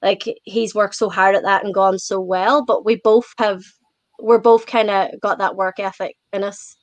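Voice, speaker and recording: An Irish woman talking as a guest in a casual interview, candid and relaxed, laughing easily and saying "like" often. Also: mid-range voice, moderate pace, no room sound. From Ireland. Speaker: guest, online reseller.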